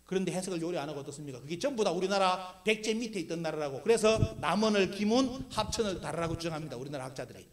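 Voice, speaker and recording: A man's voice: high-pitched, animated, quick pace, few pauses. A middle-aged man giving an emphatic public history lecture with slides, constantly posing rhetorical questions and answering them himself. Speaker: lecturer for a history civic group.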